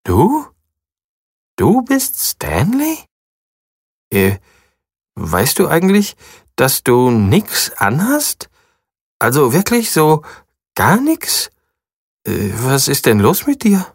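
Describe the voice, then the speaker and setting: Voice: mid-range voice, wildly swooping pitch, slow, long pauses, husky, no room sound, studio quality, voice pushed up, exaggerated voice. A storyteller voicing a resourceful, determined female mouse who gives orders in a children's audiobook. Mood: puzzled. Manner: bossy, determined. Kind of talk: audiobook character voice.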